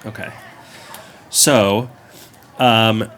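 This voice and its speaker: A man running a tabletop game as game master, halting with many ums and laughing easily. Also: fairly low pitch, fairly even intonation, a bit bright, a little hiss or hum.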